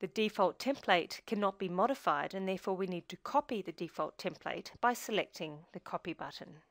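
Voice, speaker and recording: A woman narrates a scripted software tutorial screencast, walking through each step in a measured way. Her voice is fairly low and animated, and there's no room sound.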